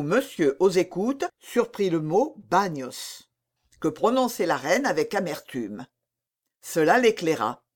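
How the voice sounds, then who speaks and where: A tormented young king, lovesick and jealous, as a woman reading a novel puts him on. The voice swings widely in pitch while staying slow and pleading. Heated outbursts break through an unhurried storybook reading.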